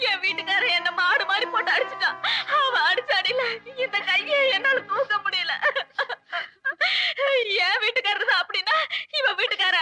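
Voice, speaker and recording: A woman's voice: extremely high pitch, quick pace, bright, forceful tone, exaggerated voice. An actress playing a wife who was beaten by her husband, crying as she complains. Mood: tearful. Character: beaten wife, tearful and bitter.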